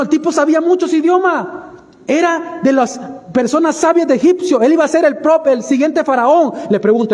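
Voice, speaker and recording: A Salvadoran pastor preaches in a high, ringing voice, talking to his congregation like a neighbor and firing off rhetorical questions. His sermon carries a long reverb from the church hall around him. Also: darkish tone. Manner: conversational preaching, keeps addressing listeners as brother, rhetorical questions. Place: church sanctuary.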